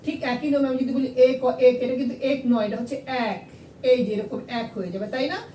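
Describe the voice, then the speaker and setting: Woman teacher, patient, repeats rules, mellow voice, echoey room, faint rumble. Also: very fast, far from the mic. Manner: patient, repeats rules, asks and answers own questions. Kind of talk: board-style lesson, explaining step by step.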